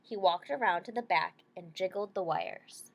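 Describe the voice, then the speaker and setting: This woman's voice sits on the low side, and she reads at a normal speed on a rough recording. Reading a children's story, she stops now and then to explain things in simple terms and to ask quick tag questions of her listeners.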